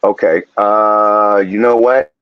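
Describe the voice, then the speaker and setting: A man talking on a live call whose audio keeps breaking up into gaps, speaking haltingly with repeated words and restarts. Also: lowish voice, fairly even intonation, clean tone, no echo. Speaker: call-in guest. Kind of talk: casual chat on a live call. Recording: dull lo-fi call line.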